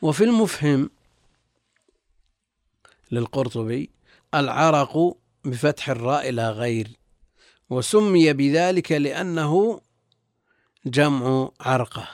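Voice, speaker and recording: A man's voice: mid-range voice, takes it slowly, long pauses, dry recording, clean studio sound. A male religious scholar reading and explaining texts in formal classical Arabic, repeating phrases as he goes. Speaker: religious scholar, guest teacher.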